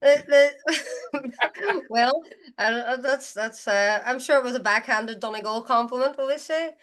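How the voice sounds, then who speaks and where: A woman's voice: on the high side, unhurried, fairly bright tone. A woman with a Derry accent from Northern Ireland, telling stories casually as an interview guest. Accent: Derry, Northern Irish. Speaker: guest musician. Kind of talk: casual chatty storytelling.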